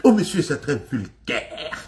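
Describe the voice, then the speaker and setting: A man putting on a prim, affected voice, mocking a snob who scolds vulgar speech in a slow, drawn-out way. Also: medium pitch, big pitch swings, noisy background. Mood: prissy.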